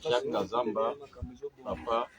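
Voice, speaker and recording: A man making a formal funeral announcement over a PA loudspeaker. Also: mid-range voice, fairly even intonation, measured pace, heavy background noise.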